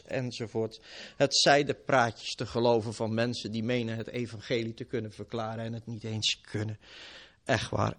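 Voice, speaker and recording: A man preaching a sermon with dramatic swings from loud exclamations down to hushed whispers, drawing out his words for emphasis. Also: medium pitch. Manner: drawn-out, emphatic delivery.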